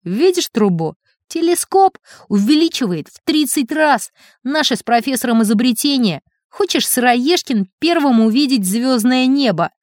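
A woman voicing a boastful, mocking schoolboy bully in a drawn-out, teasing manner. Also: sits high, expressive, a little mellow, dry recording, studio quality, voice pushed up. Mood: smug.

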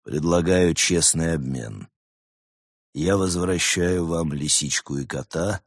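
A man voicing a sly, scheming male snow leopard who leads a cult, talking in a smug, mocking, quietly menacing way. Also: low-pitched, slow, no echo, studio quality, full character voice.

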